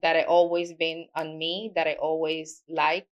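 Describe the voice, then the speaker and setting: A middle-aged woman, a mortgage loan officer and native Spanish speaker with a Spanish accent, tells her work story as a guest in a casual interview, making small grammar slips. Her low voice is monotone and unhurried, recorded with lo-fi sound.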